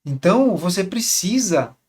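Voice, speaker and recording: A man with a fairly high voice explains how couples should talk to each other. He speaks casually, asks his listeners rhetorical questions and often repeats a word as he looks for the next one. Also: big pitch swings, unhurried, a little mellow, breathy edge. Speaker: relationship coach. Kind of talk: casual teaching monologue.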